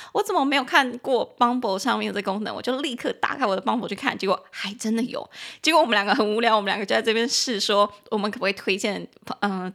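A young Taiwanese woman hosts a chatty English-lesson podcast, her mid-pitched voice carrying a gravelly edge. She talks quickly and casually, then slows right down to spell out words letter by letter and repeat them. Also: pushed and bright. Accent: Taiwanese Mandarin. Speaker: podcast host teaching English. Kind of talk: casual bilingual language lesson.

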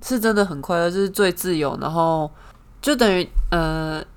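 A young woman with a Taiwanese Mandarin accent talks as a podcast guest, her voice a little low. She answers modestly and softly. She laughs at her own stories. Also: normal speed, smooth. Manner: modest, soft-spoken, laughs at herself. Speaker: volleyball player guest. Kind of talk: casual chat.

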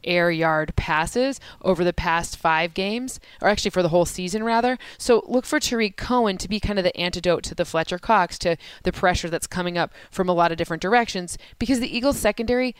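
Smooth-voiced woman breaking down football stats. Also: fairly low pitch, no echo. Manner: rapid stat-heavy analysis, laughs easily, self-corrects. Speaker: sports podcast co-host and analyst. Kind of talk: casual sports analysis chat.

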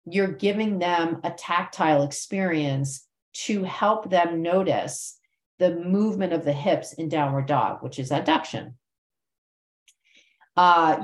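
Lower-voiced woman teaching yoga cueing. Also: roomy sound. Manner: conversational, uses vocal inflection to demonstrate cues. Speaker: yoga teacher trainer, podcast host. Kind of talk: teaching talk.

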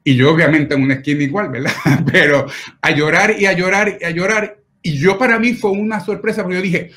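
A middle-aged man with a slightly raised pitch, speaking as a pediatric doctor in an interview. He tells his stories earnestly and with visible feeling, often checking in with short tag questions. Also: fairly quick, a bit bright. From Puerto Rico. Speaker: pediatric nephrologist. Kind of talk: personal storytelling in an interview.

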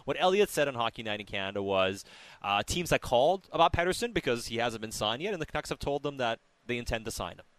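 A man's voice: mid-range voice, animated, fast, a bit bright. A man hosting a live post-game sports talk show on the radio.

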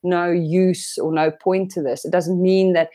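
A woman speaks with an Afrikaans South African accent, as a native Afrikaans speaker would. Her voice sits a little low. She sounds like an interview guest thinking back, candid and emphatic in a conversational way. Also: little pitch movement, measured pace, warm tone. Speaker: interview guest, sports and radio broadcaster. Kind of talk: reflective conversational interview storytelling.

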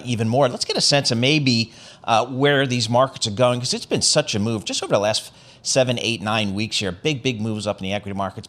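A man delivers rapid market news as a radio co-host, in conversational, punchy short phrases. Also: mid-range voice, fairly bright tone.

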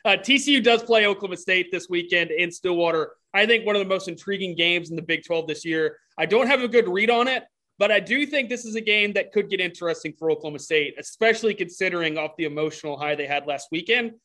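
A man co-hosting a sports podcast, laying out betting lines in a measured way with dry jokes. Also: high voice, sharp tone. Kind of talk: casual sports betting chat.

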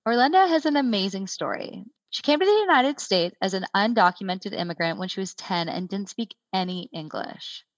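A woman's voice: mid-range voice, lively intonation, moderate pace, hardly any pauses, dry recording, dull audio. A woman hosting a podcast, reading a scripted introduction and asking questions in an upbeat, welcoming way. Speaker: podcast host. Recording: dry close recording with faint music.

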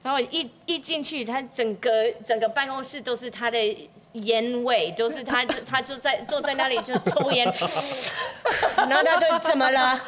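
Woman telling lively stories, high voice. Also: moderate pace, a crowd in the background. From United States. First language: English. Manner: laughs often, acts out the voices of people in her stories. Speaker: podcast guest. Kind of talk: animated storytelling.

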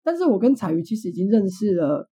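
A woman's voice: mid-range voice, very animated, fast, dark tone, breathy edge. A young woman, hosting a podcast in casual chat, blunt and swearing freely. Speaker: podcast host.

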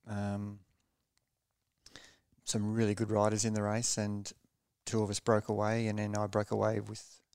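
A man, a former racing cyclist, telling a story as a podcast guest in a measured, low-key way and often restarting his phrases. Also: vocal fry, dry recording. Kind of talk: reflective storytelling in a podcast interview.

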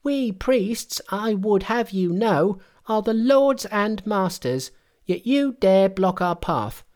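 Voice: medium pitch, animated, takes it slowly, darkish tone, pitched above the performer's own voice. A storyteller voicing a brash, boastful monkey king turned priest, cocky and taunting in a storybook tale. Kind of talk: storybook character voice.

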